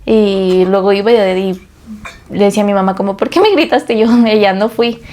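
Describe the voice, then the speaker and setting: A young woman, co-hosting a casual podcast and telling a story in an animated way, acting out the voices she quotes. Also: mid-range voice, brisk. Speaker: podcast co-host. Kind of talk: casual chat.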